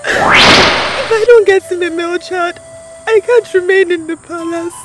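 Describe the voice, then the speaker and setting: A woman's voice: extremely high pitch, a little slow, over loud music. A woman playing an anxious, humble queen in a film drama, plaintive and pleading, with a Nigerian accent.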